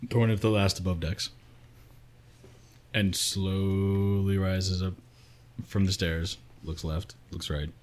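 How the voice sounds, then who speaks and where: A man taking part in a tabletop role-play session, talking in a low, easygoing voice. He describes his character's moves at an unhurried, laid-back pace. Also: steady tone. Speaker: player.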